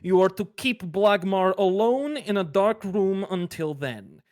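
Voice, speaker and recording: A man's voice: high voice, a little slow, a little mellow, pitched above the performer's own voice. A man voicing a menacing letter writer with a put-on Russian accent, reading formally as game master.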